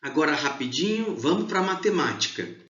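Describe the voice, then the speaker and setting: A man teaches a review lesson to schoolchildren. He explains slowly and leans hard on key syllables, and his voice rises and falls a lot and sits a bit high. The sound is roomy and echoey, with a dull lo-fi tone. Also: expressive, sharp tone. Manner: slow, emphatic explaining, stressing syllables. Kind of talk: exam review lesson for children.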